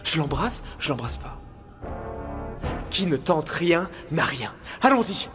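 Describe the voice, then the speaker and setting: Timid, high-voiced cartoon little brother. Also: male voice, sing-song, slow, soft background music. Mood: hesitant wonder. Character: timid, hapless younger brother, hesitant young man. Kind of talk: French cartoon dub acting.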